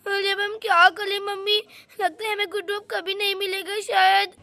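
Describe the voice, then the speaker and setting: A woman voicing a chatty, excitable little girl in a doll story. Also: very high-pitched, moderate pace, no room sound, full character voice. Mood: eager. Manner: eager, chattering.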